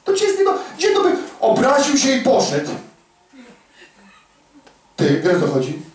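A man preaching a fervent, emphatic sermon, swinging from hushed asides to near-shouts. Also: very high-pitched, huge pitch swings, measured pace. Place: church prayer hall. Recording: very echoey hall, from a distance.

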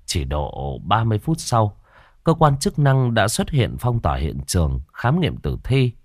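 A man narrating a horror story in a dramatic, expressive way. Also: fairly low pitch, measured pace, dry recording, studio quality.

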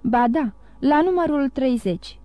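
A woman's voice: high voice, lively intonation, dark tone, no echo. Woman voicing a cunning young schemer. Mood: boastful. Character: young man, cunning smooth-talking schemer.

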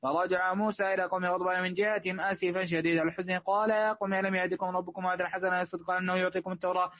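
A man reading a classical commentary aloud as a student, in a fast monotone with quick self-corrections. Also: high-pitched, no echo. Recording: dry, phone-like line.

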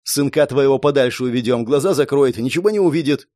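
A man's voice: medium pitch, fast talker, dark tone, no echo, lightly acted. Smug, coaxing thug, read by a man, dry sound. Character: thug coaxing a woman in a low voice.

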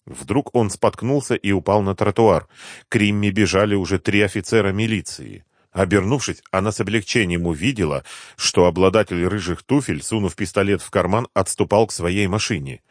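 A man narrating an audiobook in a steady, measured storytelling way, close to the mic. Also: deep voice, no room sound. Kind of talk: scripted narration.

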